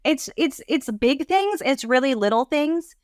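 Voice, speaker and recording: A woman coach speaks as a podcast guest in an animated, rambling, heartfelt way. Her voice sits a bit high, and the sound is dry and close with no room echo. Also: unhurried. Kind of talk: casual interview talk.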